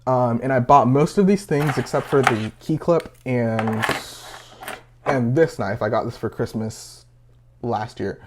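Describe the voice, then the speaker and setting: A man's voice: mid-range voice, unhurried, background noise. A nineteen-year-old man casually reviewing a pocket knife, rambling with lots of fillers and a little out of breath. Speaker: gear reviewer.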